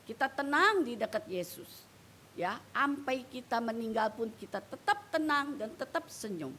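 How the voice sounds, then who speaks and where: An older woman pastor addresses an elderly congregation with a personal testimony. Her voice sits a little high and she talks slowly and earnestly. A faint hiss runs under the recording. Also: sing-song, sharp tone. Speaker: retired pastor. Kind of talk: sermon testimony.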